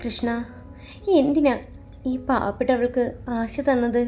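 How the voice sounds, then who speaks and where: A woman voicing a shy eighteen-year-old orphan girl who talks softly and wistfully about her secret love. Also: medium pitch, sing-song, normal speed, soft background music, lightly acted. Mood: sorrowful. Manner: soft, wistful, confiding.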